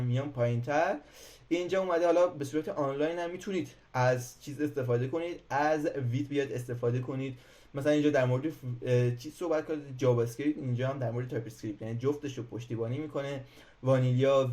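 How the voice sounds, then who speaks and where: A man's voice: mid-range voice, darkish tone. A man teaching programming in a casual screen-recorded tutorial, talking hesitantly with many filler sounds and restarts. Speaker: programming instructor.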